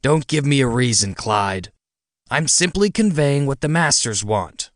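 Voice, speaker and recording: A man voicing a tiny, smug, bat-winged male demon who mocks and threatens in a quick, lowered voice. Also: animated, no room sound, studio quality, lightly acted. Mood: menacing. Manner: mocking, quick, menacing.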